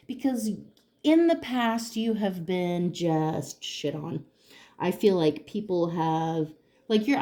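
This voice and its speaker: Emphatic, cussing woman reading tarot cards. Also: fairly low pitch. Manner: emphatic and excitable, casual with frequent cussing; talks straight to the viewer, encouraging. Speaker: tarot card reader. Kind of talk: pick-a-card tarot reading.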